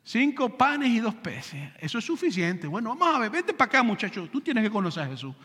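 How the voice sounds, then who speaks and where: A male pastor acting out an eager, humble apostle who talks in an excited, coaxing, emphatic way, in a church. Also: sits high, brisk, breathy edge, big-room sound, exaggerated voice.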